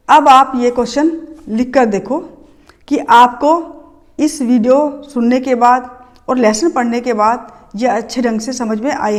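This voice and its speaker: A woman teacher explaining grammar patiently, step by step with examples, mixing English words into her talk. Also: sits high. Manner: mixes English words into Hindi. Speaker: Hindi teacher. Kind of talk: classroom grammar lesson.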